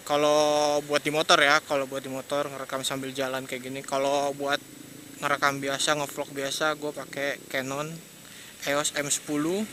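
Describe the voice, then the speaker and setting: A man's voice: medium pitch, sharp tone. A young man with a Jakarta accent rambling casually and hesitantly while riding a motorbike at night, through an action-cam mic. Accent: Jakarta Indonesian. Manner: slangy, hesitant, chatty, laughs often. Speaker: motovlogger. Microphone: external mic on a helmet action cam. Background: traffic and engine noise.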